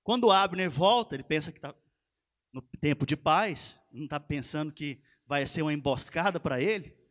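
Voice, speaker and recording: A male pastor delivers a sermon, his high and bright voice carrying the story with animation. He speaks straight to his congregation as he goes. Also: lively intonation, moderate pace. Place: church.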